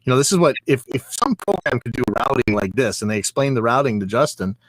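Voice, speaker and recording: A man with a medium-pitched voice tells stories in a casual chat. He rambles along, circling back over his phrases. The sound is dry, with very little room in it. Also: animated, fast, fairly bright tone, no room sound, rough recording. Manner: rambling, repeats phrases as he goes. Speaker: recording engineer. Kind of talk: casual chat, anecdotal storytelling.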